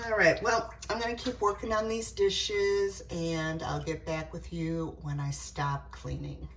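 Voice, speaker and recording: A woman's voice: on the low side, little pitch movement, a little slow, fairly bright tone, slight background noise. A middle-aged woman vlogging from home in a candid, rambling way, with lots of fillers. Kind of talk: casual home vlog chat.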